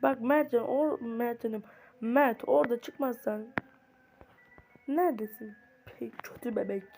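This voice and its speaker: Excitable, swearing woman gamer, gravelly. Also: a little high, slight background noise, rough recording. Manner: excitable, swearing, exclaiming at the game; talks straight to viewers. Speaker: gaming YouTuber. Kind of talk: casual let's-play commentary.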